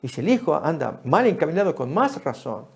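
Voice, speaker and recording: Gravelly, animated male preacher. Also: fairly high pitch, fairly quick. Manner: animated, rises sharply for quoted speech, addresses listeners as friends. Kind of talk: Bible study sermon.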